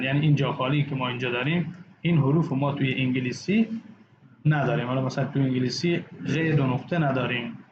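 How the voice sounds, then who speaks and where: A male English teacher giving a classroom lesson, drilling words slowly and repeating each one several times. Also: medium pitch. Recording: echoey, dull, noisy classroom recording.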